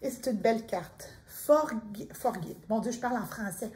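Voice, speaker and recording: A middle-aged woman with a Quebec French accent giving a gentle, intimate spiritual card reading, speaking straight to the listener. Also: fairly high pitch, moderate pace. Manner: soft-spoken, intimate, addresses listener directly. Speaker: tarot card reader.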